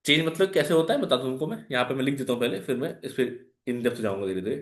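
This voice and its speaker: A man's voice: medium pitch, expressive, fast talker, echoey room. A man with an Indian accent teaching a live online maths class, explaining step by step and putting questions to his students. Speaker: maths tutor.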